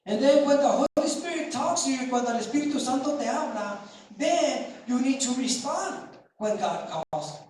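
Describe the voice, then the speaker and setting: A pastor delivers a bilingual sermon at an unhurried pace, translating each phrase from English into Spanish in turn. The voice rings through a very echoey church hall, picked up from a distance with a faint hum of room noise behind it. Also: high voice, expressive, a little mellow. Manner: slow, deliberate preaching with emphatic repetition. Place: church sanctuary.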